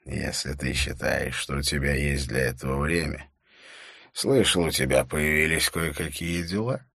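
A man voicing a gravel-voiced prisoner in the shadows. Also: rumbling low, normal speed, fairly bright tone, no echo, studio quality, full character voice. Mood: cold mocking. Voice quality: grinding, gravelly voice.

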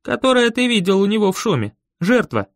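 A man's voice: sits high, big pitch swings, a little fast, no room sound, studio quality, pitched above the performer's own voice. A man doing an eerie knife-carrying boy. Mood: eerie calm. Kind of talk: audiobook character voice.

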